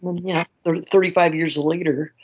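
A middle-aged Canadian man from a small town near Vancouver chats casually and effusively as an interview guest, rambling with frequent filler phrases. His voice is a little high and husky, with a steady tone and moderate pace, on a lo-fi recording.

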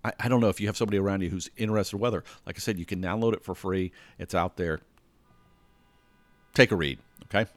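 Low-voiced man hosting a casual solo podcast. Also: fast talker, no room sound. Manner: casual and rambling, frequent restarts and check-ins. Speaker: podcast host. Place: indoors at home with windows closed.

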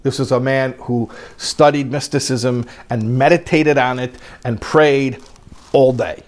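A man teaching a religious class, telling a story in a lively way and breaking into quoted lines, with frequent repeated words. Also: medium pitch, measured pace.

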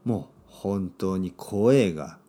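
A man hosting a podcast for Japanese learners, speaking simply with lots of repetition and a playful, expressive delivery. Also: takes it slowly. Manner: clear, simple phrasing for learners with repeated words; expressive and playful, with sudden pitch jumps. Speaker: podcast host and Japanese teacher.

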